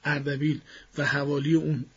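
A man being interviewed as a voice expert in a studio, explaining his views in a measured way and thinking aloud as he goes. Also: on the high side, flat delivery, fairly bright tone, breathy edge, dull audio. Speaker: guest voice expert.

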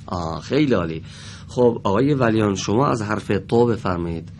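A man teaching Quran recitation on a radio lesson in a studio, speaking slowly and patiently, modeling sounds and correcting students. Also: lowish voice, animated, a little mellow, slight background noise. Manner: slow, patient, carefully models and corrects pronunciation.

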